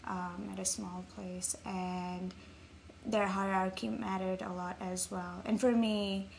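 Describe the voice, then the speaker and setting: A woman's voice: mid-range voice, flat delivery, takes it slowly, gravelly, darkish tone. A young woman from Nepal, talking reflectively as an interview guest, with frequent ums. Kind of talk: casual interview. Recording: faint background noise.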